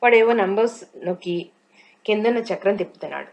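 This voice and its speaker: A woman narrating a spy thriller audiobook in a measured storytelling manner. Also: mid-range voice, creaky, muffled recording, a crowd in the background.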